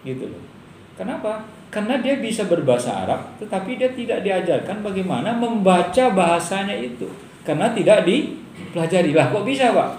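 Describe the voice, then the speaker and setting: A man's voice: high-pitched, sing-song, brisk, a little mellow. Middle-aged male lecturer, casual and joking, tosses rhetorical questions to the class; roomy room, faint noise. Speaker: university lecturer.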